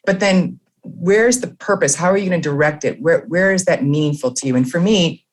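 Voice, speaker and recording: A woman, a leadership author and coach, explaining her ideas earnestly and warmly as an interview guest. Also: on the low side, fairly quick.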